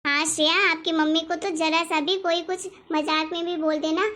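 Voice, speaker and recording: A woman voicing a gentle, reassuring young mother-to-be in an animated family story. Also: very high-pitched, normal speed. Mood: tender. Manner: soft, reassuring. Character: gentle expectant young aunt, hopeful for a daughter.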